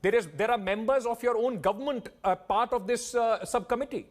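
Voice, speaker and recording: High-pitched Indian male news anchor. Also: fairly quick. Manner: insistent, interrupting, pressing. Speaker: news anchor and debate moderator. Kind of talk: live TV news debate questioning.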